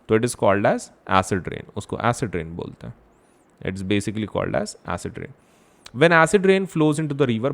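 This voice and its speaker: A young male teacher runs a quick exam revision class. He poses questions and answers them himself, with frequent fillers and emphatic stresses. His voice sits at an ordinary middle pitch. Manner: mixes Hindi and English, asks and answers his own questions. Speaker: science teacher. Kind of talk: online exam revision lesson.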